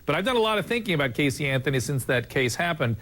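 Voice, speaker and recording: A man hosting a televised panel discussion, earnest and halting, often restarting his sentences. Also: a little high, sing-song, a bit bright. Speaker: TV talk show host.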